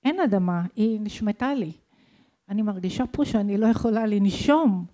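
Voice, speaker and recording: A woman's voice: mid-range voice, mellow. A middle-aged woman from Israel, telling her own life story in an intense, emotional way and asking herself questions. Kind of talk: dramatic personal storytelling.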